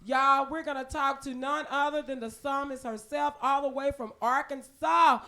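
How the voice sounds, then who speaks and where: A woman's voice: high-pitched, steady tone, normal speed. A woman hosting a live radio show in a casual way, greeting viewers by name and setting up songs. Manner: upbeat, shouts out viewers by name.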